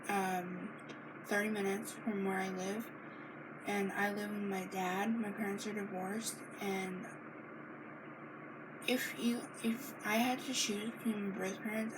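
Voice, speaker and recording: A young woman from Maine talks slowly through a personal question list, hesitating and restarting as she goes. Her voice sits at an ordinary middle pitch. A clear hiss of background noise runs under the home recording. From Maine, United States. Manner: halting, many fillers and restarts, reading questions aloud. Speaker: vlogger answering questions. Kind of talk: casual Q and A monologue.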